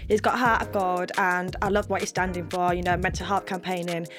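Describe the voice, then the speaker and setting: A woman's voice: fairly low pitch, little pitch movement, a little fast, music in the background. A woman in her twenties hosting a podcast, gushing and encouraging as she chats with her guest. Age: 20s. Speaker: podcast host. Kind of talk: casual interview chat.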